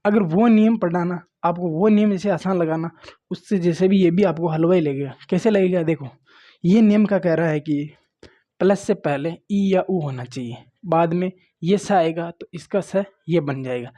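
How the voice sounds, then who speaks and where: In this muffled recording, a man from Rajasthan gives a classroom grammar lecture at a board. His voice sits high and warm at a normal speed, and he coaxes students plainly, over and over saying "देखो" (look) and "ठीक है" (okay).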